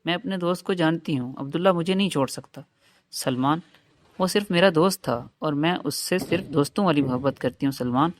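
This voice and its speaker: A man's voice: a little high, pitched above the performer's own voice, lightly acted. A man voicing a heartbroken young woman. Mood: longing.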